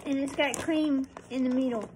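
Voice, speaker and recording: A woman in her thirties reviews snacks for a home vlog, speaking plainly and homespun into a phone camera held at arm's length in her living room. Her high voice holds a steady tone at a moderate pace, with background noise audible.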